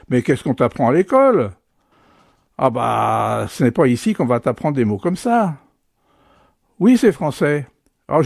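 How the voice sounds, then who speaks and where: Guy playing a bickering know-it-all dad, teasing his family, bit high-pitched, dry. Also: darkish tone, no echo. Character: sarcastic bossy middle-aged father, family scrabble game. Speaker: father keeping score. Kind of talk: comedy sketch monologue.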